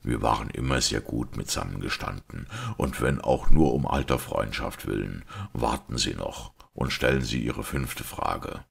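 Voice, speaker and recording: A man doing a calm, deep-voiced old priest. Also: gravelly, slightly rough, full character voice. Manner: quiet, unhurried, gentle. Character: calm, kindly male priest detective.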